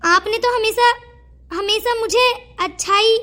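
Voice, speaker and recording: A woman voicing a polite young daughter-in-law gently persuading her mother-in-law in a cartoon. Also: extremely high pitch, unhurried, exaggerated voice. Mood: coaxing. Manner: sweetly persuasive. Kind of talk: cartoon voice acting.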